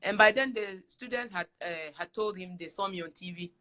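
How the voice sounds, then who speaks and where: A woman's voice: medium pitch, fairly quick, pushed and bright. A Ghanaian woman in the middle of her voice range, telling stories with lots of life, laughing often and slipping into the voices of the people she quotes. She is heard over a video call during a casual live-stream chat. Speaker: singer, interview guest.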